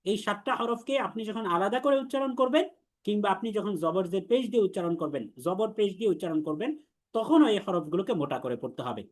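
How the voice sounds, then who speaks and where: A man's voice: high-pitched, lively intonation, fast. A man teaching an Arabic letters class for the Quran, explaining step by step with patience and repetition, and leading students in call-and-response drills.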